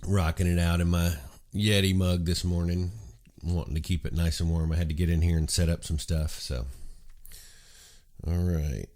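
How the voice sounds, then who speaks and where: A man with a low voice hosts a laid-back morning chat show at a moderate pace. He's a bit stuffy from a cold and rambles along easily, dropping plenty of ums and uhs.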